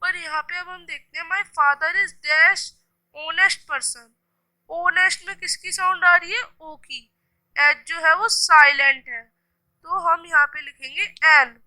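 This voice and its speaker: A woman's voice: very high-pitched, steady tone, measured pace, sharp tone, no echo, low-quality recording. A woman teacher with an Indian accent explaining a grammar worksheet step by step and reading example sentences aloud. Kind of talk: classroom grammar lesson.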